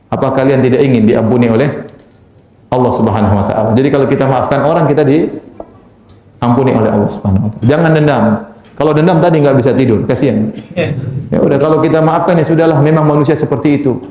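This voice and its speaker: A man preaching in a religious question-and-answer lecture, moving between soft and emphatic delivery and chuckling now and then. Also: mid-range voice, fast talker, reverberant. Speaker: Islamic preacher.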